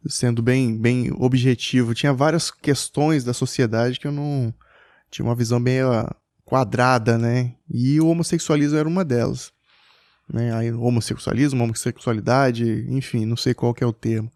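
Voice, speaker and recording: A man's voice: mid-range voice, steady tone, moderate pace, a little mellow, no echo, clean studio sound. A man tells a personal story as a father in a casual podcast chat, hesitant and full of restarts.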